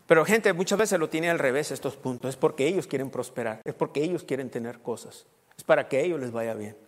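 A middle-aged man preaching a sermon as pastor, emphatic and rising to loud peaks as he counts off his points. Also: mid-range voice, a little fast. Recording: long hall reverb.

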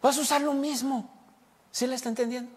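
A man's voice: very high voice, fairly even intonation, fairly quick, husky. A male pastor preaching a folksy, conversational sermon, repeating words and quizzing the congregation. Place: church hall. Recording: long church hall reverb.

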